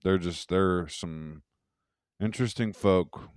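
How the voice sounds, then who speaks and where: A man's voice: low-pitched, takes it slowly, no echo, studio quality. A young man co-hosting a podcast in casual, rambling chat, swearing and restarting often. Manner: rambling, loose and profane, many restarts. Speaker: podcast co-host.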